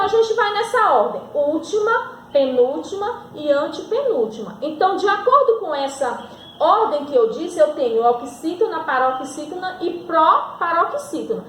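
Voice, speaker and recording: This high-pitched female voice belongs to a school teacher recording a grammar lesson in an echoey room. She has a Brazilian Portuguese accent, asks and answers her own questions, and stretches out example words, with a little hiss or hum audible.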